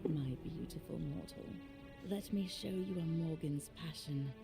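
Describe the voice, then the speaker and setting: Low, sultry sea temptress. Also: female voice, unhurried, gravelly. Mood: coaxing, luring. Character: possessive, hungry female sea creature seducing mortals. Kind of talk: video game voice acting. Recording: music playing behind.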